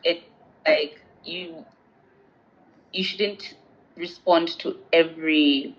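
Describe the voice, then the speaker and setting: A woman's voice: sits low, fairly even intonation, drawn-out words. A young woman from Zambia answering interview questions in an earnest, reflective way. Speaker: interviewee, feminist advocate. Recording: dull lo-fi sound.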